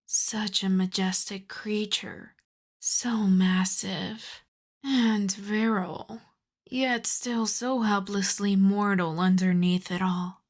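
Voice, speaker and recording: Her mid-range voice proud and condescending, a woman performs an ASMR roleplay as a haughty, teasing vampire countess of advanced age. She delivers lines deliberately and dramatically, now and then dropping into a breathy whisper.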